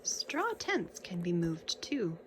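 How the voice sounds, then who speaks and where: This woman's voice is lowish and very animated, with background noise in the clip. She reads a picture book to young children in an instructive way, stopping to point out illustrations and tossing in casual asides and questions.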